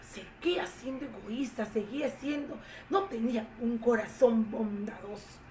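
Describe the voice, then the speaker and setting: Woman, storyteller for children, expressive, high voice, echoey room. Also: measured pace, distant mic. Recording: echoey room, faint noise.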